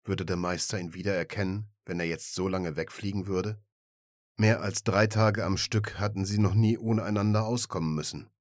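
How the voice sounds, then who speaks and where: A man narrating an audiobook in an even, measured storytelling voice. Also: low voice, dry recording, clean studio sound.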